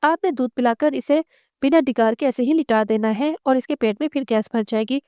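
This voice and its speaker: A woman narrator plays a caring young wife in a storybook reading, fussing and gently scolding over her baby's care. The voice is clear, smooth and pitched a little high, recorded dry and close. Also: a little fast, no room sound, lightly acted. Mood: fussy.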